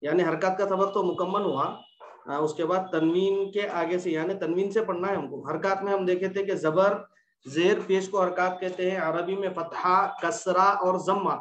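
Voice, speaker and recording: A man's voice: high voice, steady tone, moderate pace, a bit bright. A man teaching an online Quran recitation class, patiently repeating letter drills and quizzing his students. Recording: echoey room, dull lo-fi sound.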